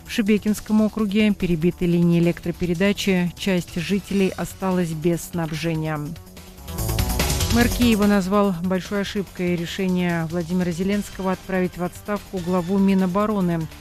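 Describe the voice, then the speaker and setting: A woman anchoring a radio newscast in a crisp, even newsreader delivery at a studio mic. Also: on the low side, normal speed, over music. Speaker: news anchor. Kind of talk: radio news reading.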